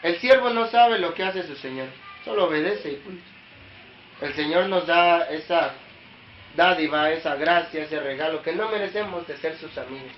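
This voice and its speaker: A man's voice: a little high, normal speed, slight background noise. A man preaching a sermon to a small congregation, questioning listeners directly and rising to emphatic peaks. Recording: echoey room, dull lo-fi sound.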